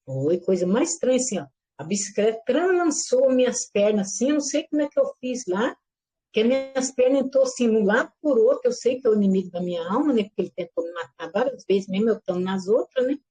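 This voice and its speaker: A middle-aged woman giving a lively personal religious testimony, acting out the voices in her story and calling her listeners brothers and sisters. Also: on the high side, fast talker, breathy edge. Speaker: church member giving testimony.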